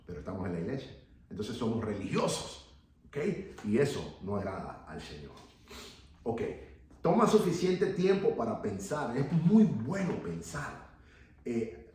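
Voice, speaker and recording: A man's voice: medium pitch, darkish tone. Preaching man in an echoey hall. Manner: earnest preaching tone, repeats key phrases, fillers "ok" and "eh". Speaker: Bible study teacher. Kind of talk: church Bible class lecture. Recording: echoey room, voice from a distance.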